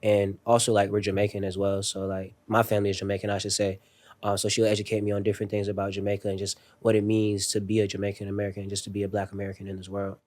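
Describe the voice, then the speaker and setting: This podcast guest's voice is on the low side and darkish, delivered completely flat at rapid-fire speed. He's a young man raised abroad in a military family. In casual conversation he spins stories loosely, using slang and plenty of fillers.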